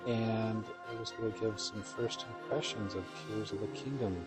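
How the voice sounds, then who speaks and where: A man's voice: lowish voice, fairly even intonation, normal speed, loud music behind the voice, rough recording. A man hosting a home podcast, chatting casually with his wife and rambling with many fillers. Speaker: podcast host. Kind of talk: casual chat.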